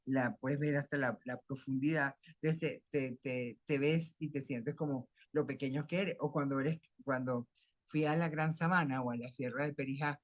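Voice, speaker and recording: A man's voice: medium pitch, steady tone, moderate pace, no echo, muffled recording. A middle-aged man with a Venezuelan accent giving a lecture, explaining with everyday examples and often restarting his phrases. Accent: Venezuelan Spanish. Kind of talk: academic lecture.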